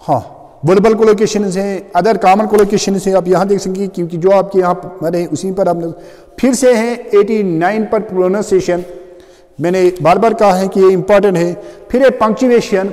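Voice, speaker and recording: A man's voice: high voice, darkish tone, in a large hall. A male teacher giving a classroom grammar lecture, explaining step by step and often checking what the students already know.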